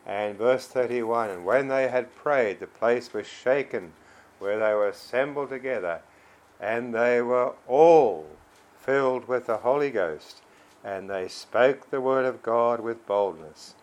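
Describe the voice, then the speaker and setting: A male preacher reads scripture and prays in a measured, unhurried way. His voice sits at a middling pitch, and he leans hard on key phrases with solemn emphasis. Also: poor audio. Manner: solemn, emphatic reading with rising stresses. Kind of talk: scripture reading and prayer.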